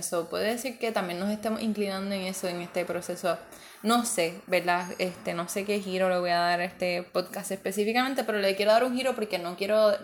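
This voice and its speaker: A woman's voice: medium pitch, a little hiss or hum. Chatty woman podcasting. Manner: chatty, mixes in English words, many fillers. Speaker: podcast host and coach. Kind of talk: casual solo podcast monologue.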